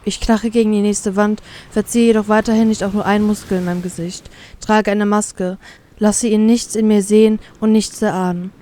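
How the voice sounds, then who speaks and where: A woman narrating a first-person fanfiction story in a calm, even storytelling manner. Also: mid-range voice, moderate pace. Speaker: reader.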